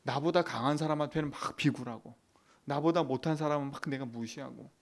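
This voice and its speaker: Gravelly-voiced pastor preaching. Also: male voice, medium pitch, brisk. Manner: preaching with rhetorical questions to the congregation; swings between loud emphatic lines and quiet asides. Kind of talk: dawn prayer sermon.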